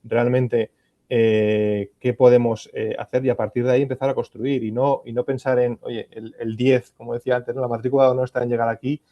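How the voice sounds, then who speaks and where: A man's voice: mid-range voice, flat delivery, brisk, dry recording, dull audio. A man with a Spanish accent answering questions as an expert on a conference panel, thoughtful and hesitant, often restarting his sentences. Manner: thoughtful, many fillers and restarts. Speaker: panel expert on ESG reporting.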